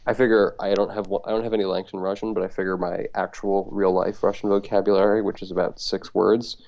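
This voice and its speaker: Low, gravelly man rambling at a game. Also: little pitch movement, quick pace, a little mellow. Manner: rambling and self-deprecating, many fillers and laughs. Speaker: player. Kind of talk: casual tabletop game chat.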